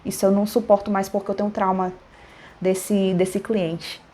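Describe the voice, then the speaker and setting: A woman's voice: mid-range voice, little pitch movement, moderate pace, warm tone. A woman, a former pharmacist, chatting casually with viewers as she tells a story from her old job. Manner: chatty, slangy, addresses the viewers directly.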